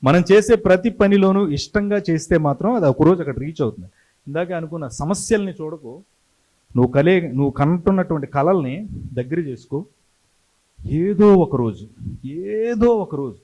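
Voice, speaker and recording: A middle-aged man tells stories to his hometown crowd in a slightly raised voice. He talks with lively energy and slips into the voices of the people he quotes. His tone is that of a practiced TV anchor. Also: a little high. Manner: animated, acts out quoted voices. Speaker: TV anchor and creative director telling stories. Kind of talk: storytelling speech to a hometown audience.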